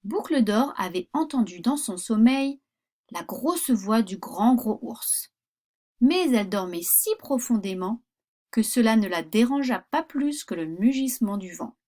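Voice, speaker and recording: A woman reading a children's fairy tale aloud, expressive with pauses. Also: a little high. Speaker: storyteller.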